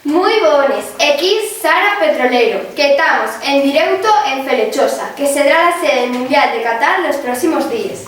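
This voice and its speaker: A woman's voice: high-pitched, lively intonation, normal speed, hardly any pauses, slight background noise. A woman with an Asturian accent playing an inquisitive, polite TV field reporter in a mock live report. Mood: upbeat, formal. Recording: very echoey hall, distant mic.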